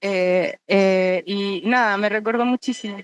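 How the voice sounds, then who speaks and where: A woman's voice: medium pitch, fairly even intonation, measured pace, smooth, no room sound. A woman giving a casual academic comment at a symposium, stumbling and repeating words. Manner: stumbling, repeats words, laughs while talking.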